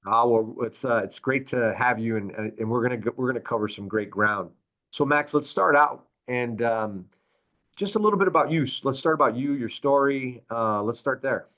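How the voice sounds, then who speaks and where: A man's voice: medium pitch, normal speed, fairly bright tone. A man hosting a podcast, enthusiastic and casual, with many fillers and repeated words. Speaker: podcast host.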